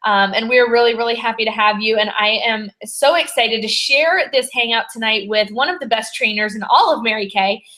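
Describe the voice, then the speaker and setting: A woman's voice: on the high side, a little fast, hardly any pauses, pushed and bright. A woman hosting a weekly video-call training session, chatty and friendly, rambling with fillers. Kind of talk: upbeat training webinar hosting.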